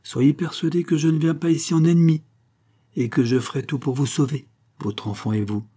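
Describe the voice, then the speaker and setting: A man's voice: on the high side, steady tone, fairly quick, dark tone, breathy edge, voice pushed up. A man reading as a composed female detective. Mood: firm. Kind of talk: audiobook reading.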